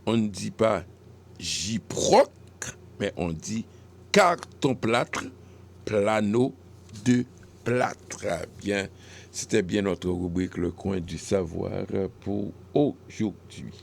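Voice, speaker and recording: A Haitian-accented man hosts a radio language segment at an unhurried pace. His voice carries a gravelly, creaky texture. He explains and corrects expressions patiently, with small hesitations. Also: lowish voice, animated. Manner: didactic, correcting word by word, with hesitations. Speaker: radio host. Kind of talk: radio segment on French usage.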